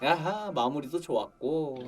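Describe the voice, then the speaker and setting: A man streaming casual reaction commentary on a game trailer, excitable and gushing with exclamations. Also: fairly high pitch, a little slow. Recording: slightly distant mic with music behind.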